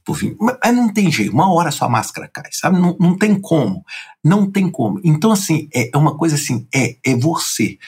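A man, telling stories as an interview guest in an animated way with lots of filler words. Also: on the high side, breathy edge. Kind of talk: casual interview storytelling.

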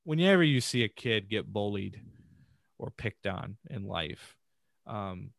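A man's voice: lowish voice, lively intonation, slow, vocal fry, no room sound. A man talking as a podcast guest, telling stories in an earnest, rambling way. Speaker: podcast guest, family streamer. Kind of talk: casual conversational interview.

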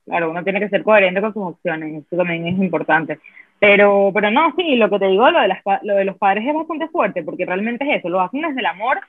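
A woman's voice: medium pitch, expressive, a little fast, no room sound. A woman hosting a casual podcast, speaking frankly and rambling with lots of fillers. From Venezuela. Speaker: podcast host. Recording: dry, phone-like sound.

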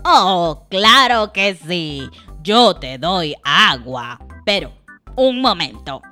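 A matter-of-fact water carrier, as a woman lowers her voice for him, speaking slowly and firmly. The voice drops well below her own but keeps a bright edge, like a storybook grown-up. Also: sing-song, soft background music, exaggerated voice. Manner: low, measured, firm.

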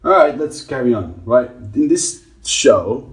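A man's voice: medium pitch, very animated, measured pace. A man hosting a casual, crude comedy podcast in an irreverent, tongue-in-cheek manner, recorded in an echoing bathroom. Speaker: podcast host. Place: bathtub in a small bathroom.

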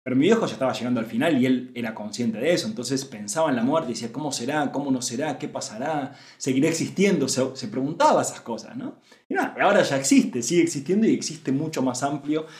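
An earnest Argentine man in his thirties hosts a reflective spiritual talk. He searches for words, with fillers and asides along the way. His voice sits at a middle pitch, and the room around him is echoey. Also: expressive, fast talker, darkish tone. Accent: Argentine Spanish. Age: 30s. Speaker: spiritual podcast host.

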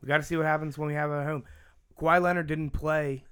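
A man's voice: fairly high pitch, little pitch movement, fast talker, a bit bright, clean tone. An American man co-hosting a sports podcast, chatting casually and swearing freely. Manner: informal, sweary.

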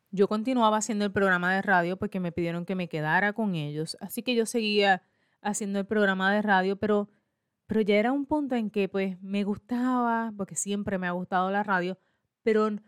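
A Puerto Rican woman in her forties, a school librarian, tells listeners her own story and acts out both sides of each conversation with lively energy. Her medium-pitched voice is clean in tone, recorded in a clean studio with no room sound.

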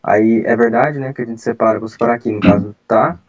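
A man's voice: mid-range voice, fast, slightly rough. Man patiently walking through grammar. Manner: patient, step-by-step explaining. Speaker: study group leader explaining exam questions. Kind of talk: explaining grammar over a video call. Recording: dull lo-fi call audio.

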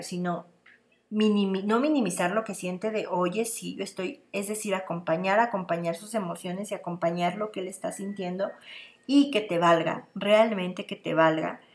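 A woman's voice: medium pitch, fairly even intonation, moderate pace. A woman hosting a parenting podcast, talking earnestly and straight to the listener, repeating phrases for emphasis. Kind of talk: casual advice monologue.

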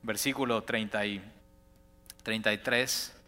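A male pastor preaching a sermon in a church, animated and acting out his listeners' inner voices. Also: lowish voice, slow pace, big-room sound, faint music behind.

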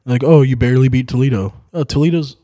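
A man's voice: medium pitch, fast talker, dry recording, studio quality. A man hosting a sports podcast, chatting casually about football picks with rowdy, profane outbursts. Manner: rowdy, swearing, excitable outbursts.

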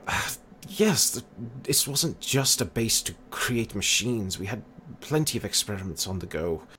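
A man's voice: on the low side, animated, a little slow, sharp tone, slight background noise. A man voicing a wary male elf researcher who stammers in disbelief. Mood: uneasy. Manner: stammering, incredulous.

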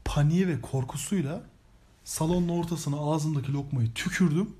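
A young man co-hosting a podcast, telling childhood stories in a casual, animated way and swearing freely. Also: on the high side, fairly quick, background noise. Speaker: podcast co-host. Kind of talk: casual comedic chat.

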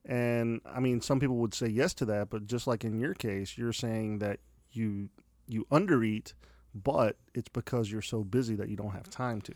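A man's voice: fairly low pitch, normal speed, darkish tone, dry recording. A man, co-hosting a podcast in a loose, cussing way and laughing often. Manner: casual, swears freely, laughs often. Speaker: podcast co-host. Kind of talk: casual chat.

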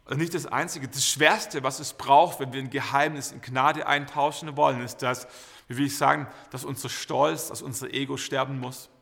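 Bright-voiced preacher in a hall. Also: male voice, mid-range voice, normal speed, vocal fry. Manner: lively anecdotal storytelling with many fillers. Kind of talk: storytelling sermon. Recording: reverberant hall.

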